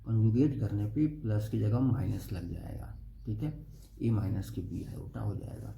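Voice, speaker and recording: Gravelly young man teaching math. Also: on the low side, moderate pace, dark tone. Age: young adult. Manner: explains step by step, keeps asking "okay?". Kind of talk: blackboard math lesson. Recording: echoey room with faint noise.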